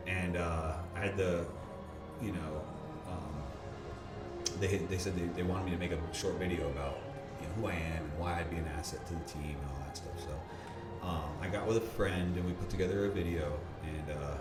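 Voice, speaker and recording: A man being interviewed, telling a story casually, animated, laughing often and restarting his sentences. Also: low voice, moderate pace, over loud music. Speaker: bodybuilder interviewee. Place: gym or park. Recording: roomy echo, faint background hum.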